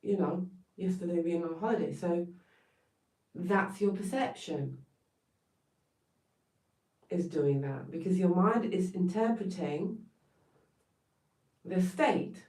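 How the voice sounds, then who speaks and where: A woman's voice: on the low side, takes it slowly, long pauses, a little mellow. A woman from Poland with a Polish accent giving an emphatic, blunt motivational talk on a live stream, swearing now and then for emphasis. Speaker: wellness coach. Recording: roomy sound, distant from mic.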